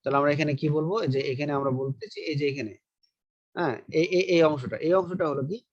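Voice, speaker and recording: Male biology teacher with a fairly high voice, repetitive question-and-answer lecturing, muffled lo-fi recording. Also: fast. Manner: repeats key terms, asks and answers his own questions. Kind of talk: online lecture.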